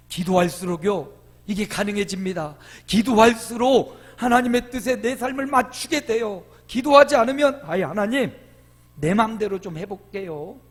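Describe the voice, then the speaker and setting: A middle-aged man preaching a sermon as pastor, emphatic, with loud swells and lively quoted voices, recorded in a church sanctuary. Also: high voice. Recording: long hall reverb.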